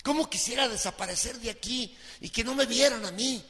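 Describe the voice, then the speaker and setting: A man preaching a sermon as pastor, pleading with his listeners, dropping low and quiet and then rising to shouted appeals. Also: fairly quick, long reverb tail. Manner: impassioned preaching, swinging from soft to shouted pleading.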